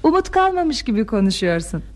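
A young actress playing a calm, playfully confident daughter in a classic radio play. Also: female voice, fairly high pitch, brisk. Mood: calm, teasing. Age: young adult. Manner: calm, teasing, self-assured. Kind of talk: 1960s Turkish radio theatre acting.

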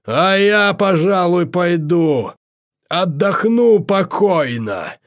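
A woman reading and voicing a huge-nosed male demon tracker, dramatic and loud. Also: fairly low pitch, animated, slow. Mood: lazy.

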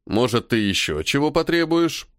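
A man's voice: mid-range voice, big pitch swings, moderate pace, a bit bright, dry recording, studio quality. A man reading an audiobook and voicing a stern, ironic army colonel who scolds his subordinate with weary irritation. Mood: irritated. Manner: sarcastic, commanding, weary sighs. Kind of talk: audiobook character voice.

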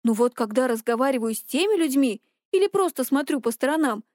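A woman's voice: high-pitched, lively intonation, brisk, darkish tone, no echo, clean studio sound. A woman voicing a dazed teenage boy who speaks in a sluggish, bewildered way.

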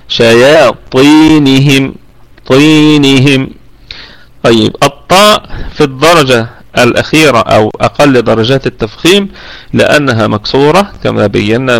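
A man with an Egyptian accent, teaching Quran recitation rules in an online lesson. He explains patiently, stretches out the words he demonstrates and fills pauses with drawn-out "aah" sounds. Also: medium pitch, creaky, a bit bright, no echo, poor audio. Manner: frequent drawn "aah" fillers between points.

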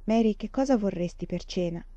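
A woman reading the lines of a practical, kind but firm prairie mother, in a brisk homely way. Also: medium pitch, mellow, no room sound, close to an everyday voice. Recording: dull lo-fi dry recording.

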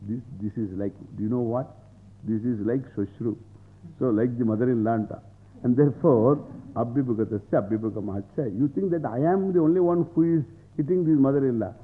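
A man's voice: mid-range voice, a little fast. South indian guy, swami giving a scripture lecture, repeats phrases a lot, sounds like its over a phone line. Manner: repeats phrases, explains word by word, argues with rhetorical questions. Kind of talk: scriptural lecture with Sanskrit quotations explained in English.

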